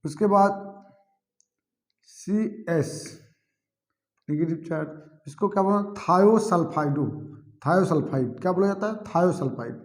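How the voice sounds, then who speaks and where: Teaching chemistry in an unhurried way with frequent pauses, this high-voiced man keeps restating key terms and asking "what will it be called?" He calls his students "bhaiya" and "ji." The recording has a roomy sound.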